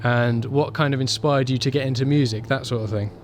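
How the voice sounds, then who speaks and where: A man's voice: mid-range voice, steady tone, a little fast, slight background noise. A man hosting an interview, reading a scripted introduction and then giving short replies. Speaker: interview host.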